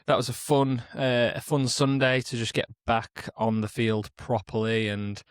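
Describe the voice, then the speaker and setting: A young man co-hosting a casual sports podcast from a kitchen, relaxed and rambling with dry humour. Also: mid-range voice, a little slow, clean tone, no echo. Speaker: podcast co-host.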